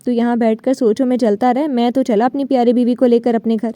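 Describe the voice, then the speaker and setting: Brief: woman narrator voicing a sneering vengeful young man, audiobook, high pitch. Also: flat delivery, dark tone, dry recording, natural voice. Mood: scornful. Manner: menacing, sneering. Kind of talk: audiobook novel reading.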